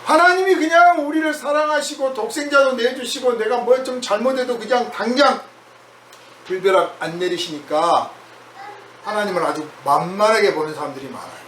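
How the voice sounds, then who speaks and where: High-voiced man preaching in an echoey hall. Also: moderate pace, a bit bright. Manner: conversational preaching, acts out prayers in quoted voices. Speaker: pastor. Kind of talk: sermon. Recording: echoey hall from far off, faint noise.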